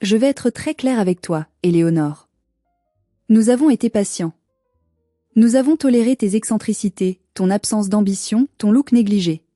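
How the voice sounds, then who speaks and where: A cold and haughty mother with a cruel streak, read out by a woman narrator, each phrase icy and clipped. The voice is dark and mellow in tone, recorded close and dry with no room around it. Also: medium pitch, moderate pace, no room sound, faint music behind, close to an everyday voice. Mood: contemptuous. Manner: icy, cutting, clipped delivery.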